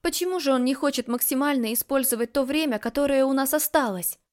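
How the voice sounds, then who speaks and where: A woman reading a romance novel aloud as a first-person narrator, in a steady, intimate storytelling manner. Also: sits high, quick pace. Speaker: audiobook narrator.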